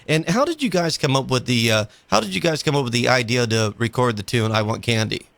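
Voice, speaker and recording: A man's voice: mid-range voice, expressive, a little fast, gravelly, a bit bright. A man hosting a radio interview, eager and restarting his questions. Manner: eager, repeats words when starting questions.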